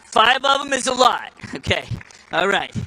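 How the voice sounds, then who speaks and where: Man giving a folksy speech, high bright voice, repeats himself a lot. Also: big pitch swings, normal speed, a little hiss or hum, poor audio. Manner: folksy, repetitive, emphatic. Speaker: speaker at an election event. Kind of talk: speech with storytelling.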